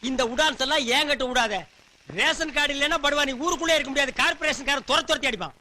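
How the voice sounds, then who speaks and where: High, bright-voiced comic man. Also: fast talker, a little hiss or hum. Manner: mocking, rambling comic complaint. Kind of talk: film comedy dialogue.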